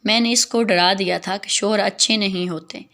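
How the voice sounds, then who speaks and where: Gravelly-voiced woman telling a story. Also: medium pitch, fairly even intonation, a bit bright. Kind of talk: first-person dramatic story narration.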